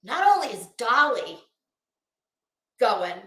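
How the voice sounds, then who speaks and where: Speaking slowly in a fairly high, slightly bright voice with big pitch swings, a woman hosting a casual livestream talks to her viewers. She's blunt, sarcastic and scornful, swears freely, and the room echoes around her.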